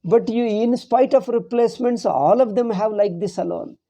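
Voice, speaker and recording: Mellow, dark-voiced South Indian spiritual teacher. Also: mid-range voice, moderate pace. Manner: repetitive, rhetorical questions, acts out imagined complaints. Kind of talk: informal spiritual discourse on scripture.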